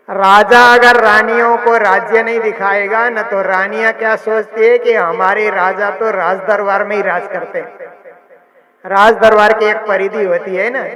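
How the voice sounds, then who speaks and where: A man's voice: high-pitched, rough recording. A man giving a devotional sermon as a religious teacher, repeating phrases and asking rhetorical questions that he answers himself. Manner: repetitive, asks rhetorical questions and answers them. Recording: live gathering with audience sounds.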